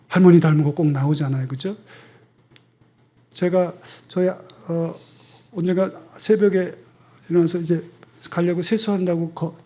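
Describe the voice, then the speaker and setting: A middle-aged male pastor preaching a sermon in a church, often asking the congregation questions and dropping to soft near-whispers for tender lines. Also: on the high side. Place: church sanctuary.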